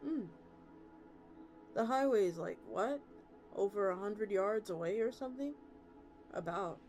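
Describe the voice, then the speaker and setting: A VTuber streamer reads a story aloud casually and conversationally while background music plays. She has a medium-pitched, animated voice with a darkish tone and a measured pace.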